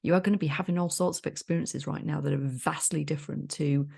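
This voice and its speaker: Deep-voiced, gravelly woman co-host. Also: steady tone, fast, darkish tone. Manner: jokey, enthusiastic. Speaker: podcast co-host. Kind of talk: casual chat.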